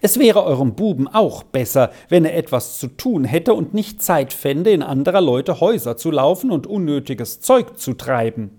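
A gossipy village landlady scolds her neighbour bluntly, as the storybook reader puts her on. Her voice rises above the narration and swings in a lively way. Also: medium pitch, normal speed, hardly any pauses. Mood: scolding. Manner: blunt, reproachful.

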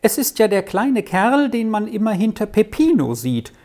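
A woman voicing a calm, matter-of-fact lady companion in a storybook reading. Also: mid-range voice, moderate pace, voice pushed up, close to an everyday voice.

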